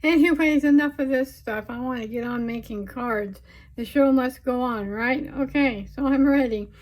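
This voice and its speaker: A woman's voice: high-pitched, normal speed, a little mellow, low-quality recording. A woman hosting a casual, chatty craft tutorial, talking without her teeth in, so her words come out a little slurred, in a homely, rambling way. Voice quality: toothless, slightly slurred articulation. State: recovering from surgery affecting her speech.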